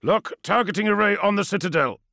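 A man's voice: medium pitch, expressive, takes it slowly, creaky, sharp tone, dry recording, studio quality, pitched above the performer's own voice, full character voice. A man voicing a cold, ruthless male warship commander who gives clipped, icy orders. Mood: commanding.

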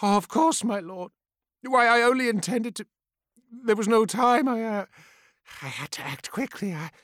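A man's voice: sits high, animated, measured pace, no room sound, studio quality, voice pushed up. A man playing a cornered, stammering sorcerer. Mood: stammering fear. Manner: stammering, pleading, then defiant shouts. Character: proud sorcerer, male, cornered and frightened.

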